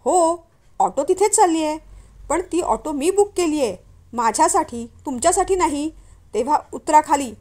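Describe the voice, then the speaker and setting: A woman's voice: sits high, brisk, close to an everyday voice. A woman voicing an angry, suspicious young woman who scolds a stranger in a story reading. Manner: sharp and scolding.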